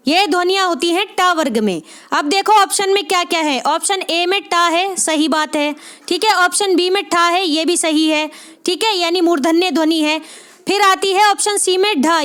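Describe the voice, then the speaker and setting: Very high-voiced woman tutoring for exams. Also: fairly bright tone. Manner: encouraging, repeats "ठीक है?" after nearly every phrase; spells out sounds slowly one by one. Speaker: Hindi literature exam tutor. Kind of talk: spoken exam-prep lesson.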